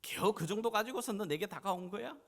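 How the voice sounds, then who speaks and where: A man preaching in the voice of Jesus, a gentle but firm grown man, speaking in earnest, pleading address that rises to impassioned urging. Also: sits high, fairly quick, pitched above the performer's own voice. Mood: gentle reproach. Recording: church hall reverb.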